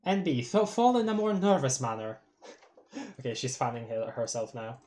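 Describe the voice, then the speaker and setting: Reading a webcomic on a live stream, a streamer from Poland chats casually in a light Polish accent; Polish is her first language. Her medium-pitched voice is animated and a little mellow at a normal speed, with frequent giggles and stumbles on long words.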